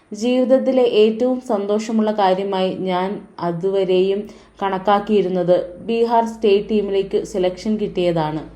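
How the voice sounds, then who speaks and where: A woman reads a novel aloud as audiobook narration. Her tone is mellow and warm, never sharp. She keeps an even, steady delivery. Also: mid-range voice.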